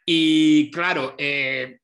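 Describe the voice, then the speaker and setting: A man, a teacher telling stories as a guest in an interview, lively and laughing often. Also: a little high, extremely slow, gravelly. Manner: animated, laughs often, many restarts. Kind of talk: casual storytelling in an interview. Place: home.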